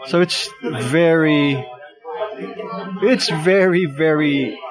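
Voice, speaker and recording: A man's voice: fairly high pitch, drawn-out words, music in the background. A man co-hosting a casual chat, teasing and laughing often. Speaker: podcast co-host. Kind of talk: casual chat about wrestling picks.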